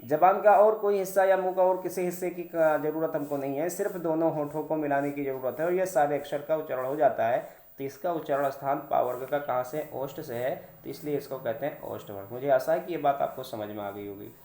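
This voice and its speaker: A male teacher giving a grammar lesson, saying each sound slowly and asking learners to repeat after him. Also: on the high side, dark tone. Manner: slow, drawn-out demonstration of sounds, asks learners to repeat. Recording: echoey room.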